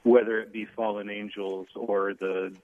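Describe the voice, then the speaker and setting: Give me a man calling into a radio show over a tinny phone line, polite and a bit hesitant, lowish voice. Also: level tone, moderate pace, no echo. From Seattle, Washington area. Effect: phone line call-in audio. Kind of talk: casual call-in question.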